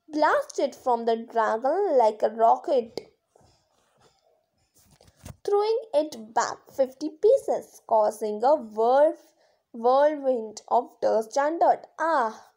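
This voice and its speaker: Female storybook reader, high pitch, slow and careful, occasionally tripping on words. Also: animated, warm tone. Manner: careful reading with occasional stumbles and self-corrections. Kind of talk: reading a children's story aloud.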